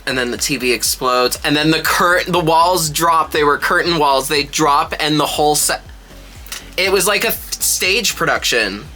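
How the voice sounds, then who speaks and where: A man's voice: a little high, normal speed, sharp tone, soft background music. A man talking like a sassy, gushing drag queen, giving casual, slangy reaction commentary.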